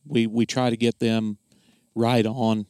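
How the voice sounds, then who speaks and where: A man giving a casual technical explanation as a craftsman, plainspoken and folksy, often halting and repeating words. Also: medium pitch, little pitch movement, a little mellow, smooth, no echo, clean studio sound. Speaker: gunsmith explaining his craft.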